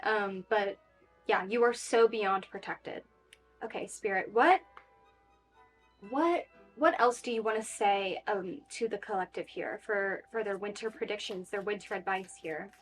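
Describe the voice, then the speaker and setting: A woman's voice: medium pitch, measured pace, faint music behind. A woman giving a casual, reassuring tarot reading in a chatty way, with frequent fillers. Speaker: tarot reader.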